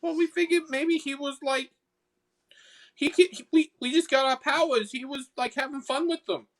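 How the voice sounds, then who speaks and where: A man's voice: very high voice, moderate pace, fairly bright tone, pitched above the performer's own voice. A man voicing a flighty young male sprite who stammers out excuses in a tabletop game. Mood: excuse-making. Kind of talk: tabletop game role-play.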